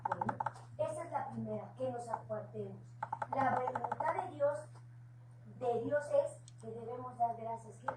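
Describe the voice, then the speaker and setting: A woman with a Mexican Spanish accent preaches informally at a house church gathering, her fairly high voice moving at a measured pace. She sounds earnest and conversational, slipping in homely personal asides. The room echoes, the mic is distant, and the background is noisy.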